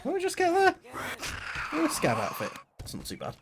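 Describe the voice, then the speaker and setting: A man's voice: very high-pitched, fairly quick. A man streaming a game live, chatting loosely and goofily to his audience from a home setup. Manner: chatty and goofy, rambling to chat. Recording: steady background noise.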